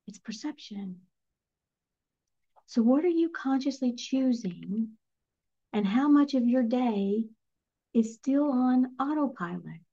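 A middle-aged woman, a spiritual energy coach, telling a personal story in an earnest, reflective, softly emotional way. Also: a little high, lively intonation, takes it slowly, pauses often. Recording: slightly muffled lo-fi recording.

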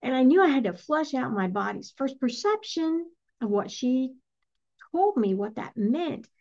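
Middle-aged female energy coach, slightly high voice, earnest and reflective storyteller, muffled recording. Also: sing-song, a little slow. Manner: earnest, reflective, softly emotional. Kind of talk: personal storytelling monologue.

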